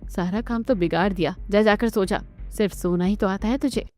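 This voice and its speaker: A woman's voice: medium pitch, brisk, a little mellow, faint music behind, natural voice. A woman voicing a stern, bossy middle-aged mother-in-law in a cartoon story, speaking harshly. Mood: scolding.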